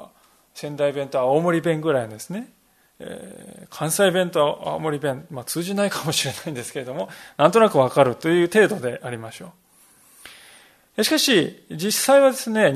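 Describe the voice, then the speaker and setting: A male pastor giving a Sunday sermon, explaining things step by step and often pausing on fillers. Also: on the high side. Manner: explanatory, peppers phrases with "desu ne" and fillers.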